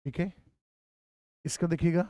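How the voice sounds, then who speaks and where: A man teaching a grammar lesson, asking rhetorical questions and answering them himself, slowly spelling out word parts and repeating key terms. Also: a little high, fairly even intonation, dry recording, lo-fi sound. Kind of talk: classroom lecture.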